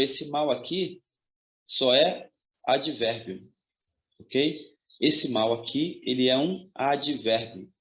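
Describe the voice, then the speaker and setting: Man, grammar teacher, exam-prep lecture, bright voice, roomy sound. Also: mid-range voice. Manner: emphatic, checks in with "ok?" and "tá?". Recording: roomy, slightly dull audio.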